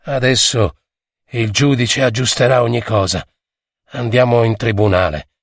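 A man's voice: mid-range voice, unhurried, dry recording, clean studio sound. A man playing a boastful bearded rancher of about fifty who tells his story emphatically. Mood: assured.

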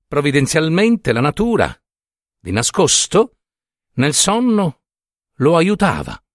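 A man narrating a literary short story with expressive, theatrical phrasing. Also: medium pitch, no echo, clean studio sound. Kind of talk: dramatic audiobook narration.

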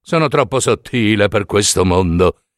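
A man voicing a vain, fragile darning needle in a storybook, high and fussy, very full of itself. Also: animated, normal speed, no echo, clean studio sound, natural voice. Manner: high-pitched, fussy and self-important.

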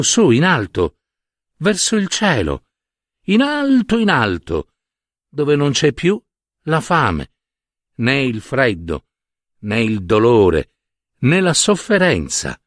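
A man's voice: medium pitch, fairly bright tone, no room sound, studio quality. A man narrating a fairy tale in a dramatic, lingering way, stretching and emphasizing words. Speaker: storyteller and podcast host. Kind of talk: expressive storybook narration.

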